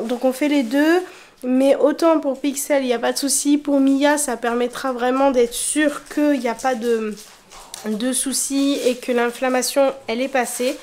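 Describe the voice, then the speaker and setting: A woman's voice: high-pitched, a little mellow. A woman vlogging casually to her viewers, talking in loose, hesitant asides and repeating herself. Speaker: family vlogger. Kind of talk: casual chatty vlog talk to viewers.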